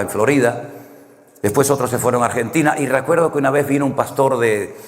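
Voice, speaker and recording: A man with a Canary Islands Spanish accent, preaching a sermon as a pastor in a conversational, storytelling way with wry humor. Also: lowish voice. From Canary Islands, Spain. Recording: long hall reverb.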